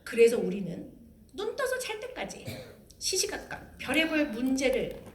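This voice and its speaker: A middle-aged woman giving a lively parenting lecture, acting out mothers and children as she talks. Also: sits high, normal speed, recorded from a distance. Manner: animated, acts out mother and child voices. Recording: roomy hall sound, faint noise.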